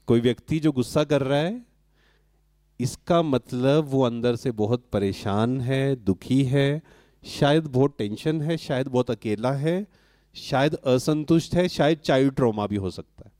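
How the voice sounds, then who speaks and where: A man's voice: mid-range voice, unhurried, mellow, no room sound, studio quality. A man giving a spiritual talk to a live audience, asking questions and answering them himself. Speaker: spiritual speaker addressing an audience.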